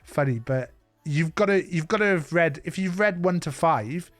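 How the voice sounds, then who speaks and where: A man's voice: a little high, expressive, moderate pace, dry recording, soft background music. Welsh man joking on a stream. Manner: joking, rambling with fillers. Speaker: streamer host. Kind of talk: casual chat on a live stream. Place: home streaming setup.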